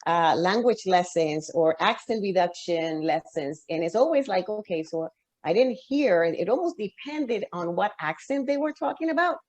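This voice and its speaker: A woman's voice: fairly low pitch, animated, moderate pace, darkish tone. A woman author, a guest on an interview show, giving long reflective answers full of restarts and fillers.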